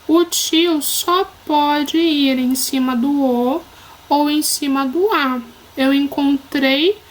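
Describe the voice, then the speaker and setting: Woman, Brazilian Portuguese accent, teacher, high voice, slow, patient, encouraging. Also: rough recording. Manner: patient, encouraging, checks in often. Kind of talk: recorded lesson for children.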